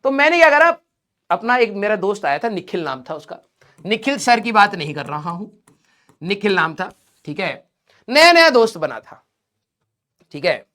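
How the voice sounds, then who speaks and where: A man's voice: high voice, sing-song, moderate pace, pauses often, bright, forceful tone. A male teacher casually telling his students a personal story, full of fillers and laughing as he talks. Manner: chatty, fillers like "ठीक है" and "भाई साहब".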